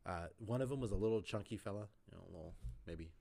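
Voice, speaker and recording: A man with a very deep, low voice tells a rambling story over a podcast chat. He keeps circling back with fillers and "like" as he goes. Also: quick pace, vocal fry, dark tone. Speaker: podcast co-host.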